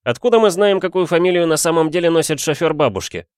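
Suspicious young student, narrator voices him; insistent, pitched up. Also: male voice, lively intonation, fast, clear, resonant tone, no room sound, studio quality, lightly acted. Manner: insistent, grumbling.

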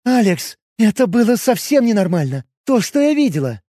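A man's voice: sits high, moderate pace, warm tone, no room sound, studio quality, voice pushed up. A man voicing a frightened young woman in an audiobook, anxious and near tears. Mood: alarmed. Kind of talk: audiobook character voice.

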